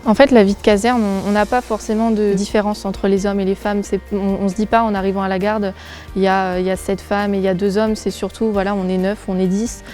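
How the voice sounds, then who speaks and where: Woman, 20s, firefighter; flat, level read with pauses, soft music bed. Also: medium pitch. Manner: level, hesitant, searching for words. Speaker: nurse and volunteer firefighter. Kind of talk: interview testimony.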